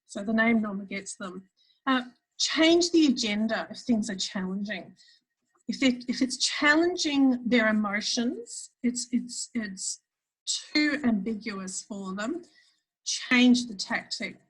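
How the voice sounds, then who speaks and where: A woman's voice: on the high side, expressive, takes it slowly, breathy edge, rough recording. An Australian woman leading an online workshop over a video call, chatty and often restarting her sentences while explaining. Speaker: webinar facilitator. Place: home office, standing.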